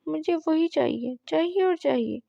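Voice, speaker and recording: An innocent, mischievous young wife who pleads and sulks like a child, voiced by a woman reading a story. The voice is high with a gravelly edge. It comes through a slightly dull, lo-fi recording. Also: animated, mellow, dry recording, heavily acted. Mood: petulant. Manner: pleading, petulant and teasing.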